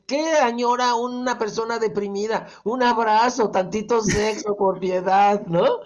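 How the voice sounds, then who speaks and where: A Mexican man, a guest expert, explaining with lively, teacherly, playful talk and rhetorical questions. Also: high-pitched, dull audio.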